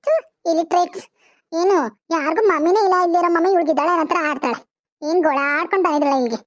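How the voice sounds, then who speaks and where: Woman doing a snooty young city woman, cartoon, haughty scolding, high voice, dry lo-fi sound. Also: fast, dry recording. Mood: scornful. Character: snobbish young city woman, mixes English. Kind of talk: cartoon voice acting.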